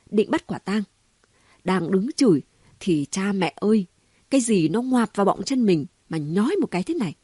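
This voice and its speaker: A woman reading an audiobook voices a gossipy, sharp-tongued city woman who talks in quick exclamations and mockery. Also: mid-range voice, slightly rough, dry recording, clean studio sound. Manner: chatty, mocking, full of exclamations.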